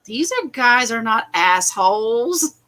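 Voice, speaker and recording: Woman hosting a watch party stream, bright voice, laughs a lot, animated chat. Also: on the high side, slow pace, poor audio. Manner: animated, laughs often, chatty. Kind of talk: casual group chat on a livestream.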